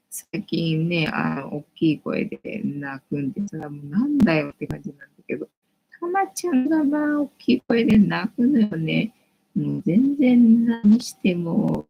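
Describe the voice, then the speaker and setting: A woman's voice: on the low side, gravelly, husky, highs cut off. A woman in her late forties hosting a casual late-night chat stream, rambling and thinking aloud with lots of fillers. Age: 40s. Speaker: live-stream host.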